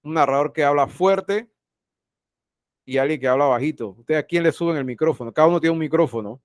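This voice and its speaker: A man's voice: on the high side, a little fast, no room sound. Dry-voiced male teacher lecturing online. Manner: repeats phrases, questions students directly. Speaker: university teacher. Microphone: video call.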